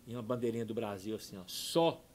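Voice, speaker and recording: A middle-aged pastor shares a heartfelt testimony in a conversational interview. His voice sits at an ordinary pitch and moves between hushed, low passages and loud, excited bursts. A faint noise runs under the recording. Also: fast talker. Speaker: pastor and podcast guest. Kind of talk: emotional personal testimony.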